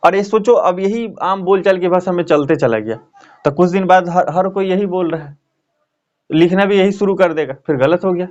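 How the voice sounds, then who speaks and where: A man's voice: high voice, normal speed, darkish tone, dull audio. A man teaching a grammar lesson at a board, explaining in a chatty way and checking in often with his students. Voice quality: talks in a chatty explaining way with frequent check-ins.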